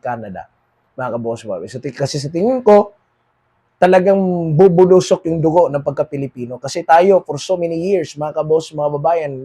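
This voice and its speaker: This Filipino man from the Philippines has a Filipino accent and a slightly high voice with a breathy edge. Hosting a political commentary monologue, he moves between read English and Tagalog, repeats "mga kaboses, mga kababayan," and lets each phrase trail off quieter.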